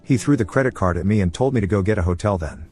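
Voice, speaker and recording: A man narrating forum posts as a story, reading quickly with few pauses. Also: fairly low pitch, darkish tone, faint music behind. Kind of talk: fast scripted story reading.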